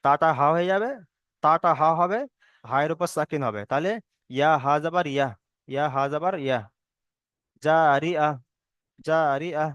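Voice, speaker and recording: Patient male teacher, slow repetition. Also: fairly high pitch, fairly bright tone, clear, resonant tone, no echo, lo-fi sound. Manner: patient, repeats each rule slowly, chants Arabic verses drawn out. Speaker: Quran reading teacher. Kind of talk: step-by-step recitation lesson.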